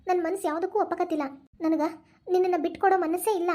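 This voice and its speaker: Woman as a fearful young daughter in a cartoon, North Karnataka accent, quick delivery. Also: very high-pitched, steady tone, dark tone. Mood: timid. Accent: North Karnataka Kannada. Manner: hesitant, fearful. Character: tearful, ashamed young married daughter. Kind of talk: cartoon voice acting.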